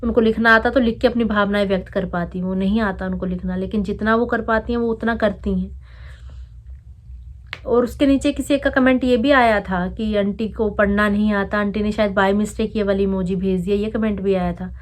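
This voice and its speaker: A woman's voice: medium pitch, steady tone, moderate pace. A young woman vlogger who is unwell, speaking to camera in an upset, indignant way and addressing commenters directly. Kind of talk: emotional vlog talk to camera.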